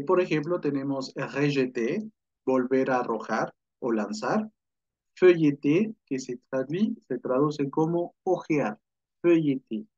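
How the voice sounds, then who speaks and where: Male language teacher, patient and questioning, raised pitch, muffled recording. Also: darkish tone. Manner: patient explaining, checks in with rhetorical questions. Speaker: French teacher. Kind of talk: online language lesson. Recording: dull lo-fi sound.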